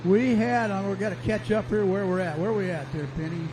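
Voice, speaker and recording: A man's voice: sits high, brisk. A man giving casual tractor pull commentary in a folksy, informal way, thinking aloud as an announcer. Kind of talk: casual live event commentary. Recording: noisy outdoor event with vehicle sounds.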